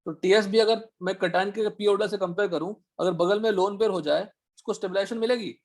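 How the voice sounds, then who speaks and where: Raspy high-voiced male teacher quizzing. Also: fairly even intonation. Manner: quizzing students with rapid questions. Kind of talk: online chemistry class, Hindi mixed with English.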